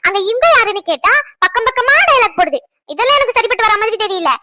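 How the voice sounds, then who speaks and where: A woman's voice: very high voice, lively intonation, fast, bright, forceful tone, full character voice. A young woman voicing a pregnant wife who scolds and teases playfully, then turns tender. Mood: jealous teasing.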